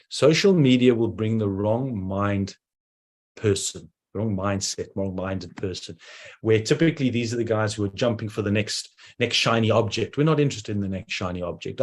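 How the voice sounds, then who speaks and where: A South African-accented man gives a persuasive online presentation in quick bursts broken by sudden slowdowns. His mid-range voice has a darkish tone and a breathy edge.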